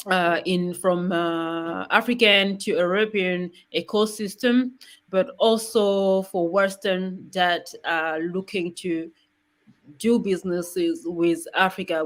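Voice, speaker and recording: A middle-aged woman from Rwanda speaking in a webinar, presenting in a halting way with many pauses and restarts. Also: on the low side. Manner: frequent fillers and restarts, halting. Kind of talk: hesitant spoken presentation.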